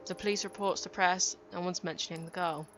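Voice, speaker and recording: A woman voicing a grieving young woman police detective, reading her inner monologue aloud in a low, halting way over game music. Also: fairly even intonation, natural voice. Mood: somber.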